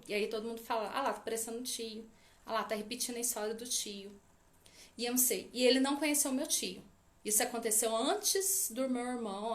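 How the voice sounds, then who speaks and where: A woman with a Brazilian Portuguese accent, a family constellation therapist giving an informal talk and speaking straight to her listeners. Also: fairly high pitch. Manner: addresses listeners directly with frequent "tá?" tags. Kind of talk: informal lecture to an audience.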